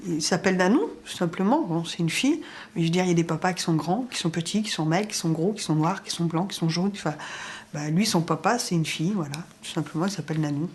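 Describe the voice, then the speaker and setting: A woman's voice: fairly low pitch, fast talker, a little mellow, slight background noise. A mother telling a family anecdote in a chatty way, quoting what her child said. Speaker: mother interviewed in a documentary.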